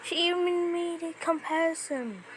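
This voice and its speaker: Over loud music in a very noisy recording, a woman with a very high voice talks at a moderate pace. As a YouTuber doing a reaction video, she delivers scornful, slangy, mocking commentary, repeating phrases to drive points home.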